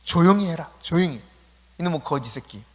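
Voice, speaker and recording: A rude, scornful crowd that shouts someone down with harsh insults, acted out by a man. The voice is sharp, loud and abrupt. It echoes through a long-reverb church hall. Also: medium pitch, expressive, brisk, slightly rough. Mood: contemptuous. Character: rude scolding crowd of men, contemptuous.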